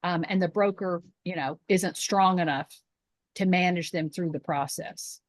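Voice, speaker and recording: A woman's voice: fairly low pitch, measured pace, no room sound, studio quality. A woman who works in real estate, speaking in a casual podcast discussion and repeating words as she builds a point.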